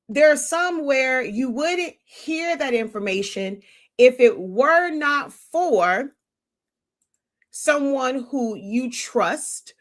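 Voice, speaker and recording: High-voiced woman lecturing bluntly. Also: a bit bright. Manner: blunt, lecturing, searches aloud for words. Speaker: business mentor on a livestream. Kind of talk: unscripted live teaching monologue.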